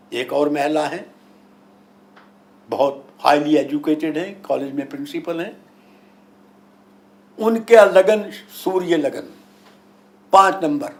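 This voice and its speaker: A man speaking as a guru and astrologer, giving an emphatic, didactic discourse with anecdotes, repetition and rhetorical questions. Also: on the high side. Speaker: guru and astrologer being interviewed. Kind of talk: spiritual discourse with anecdotes and explanations.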